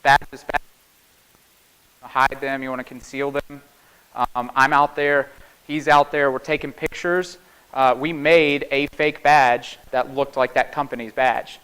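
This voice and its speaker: A man's voice: mid-range voice, steady tone, a little slow, fairly bright tone, smooth, low-quality recording. A man with a Southern Appalachian American accent gives an informal conference talk in a folksy, conversational way, often checking in with "right?" and "okay?". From small town in North Carolina, United States. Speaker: conference speaker, security penetration tester. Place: live talk before an audience.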